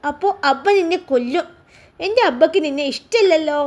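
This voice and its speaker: A woman reading a sharp-tongued little girl in a spoken story, with childish lisping talk. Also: high-pitched, animated, a little fast. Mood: defiant.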